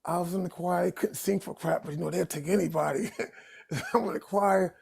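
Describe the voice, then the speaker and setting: A man in his sixties from Harlem, New York, calls into a live stream to tell a personal story. His raspy voice sits high, with a steady tone and moderate pace, and he rambles earnestly with frequent restarts and "you know."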